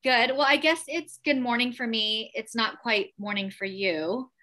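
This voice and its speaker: A woman's voice: fairly high pitch, unhurried, pushed and bright. A woman hosting a podcast in a casual, informal and friendly conversational way. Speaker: podcast host.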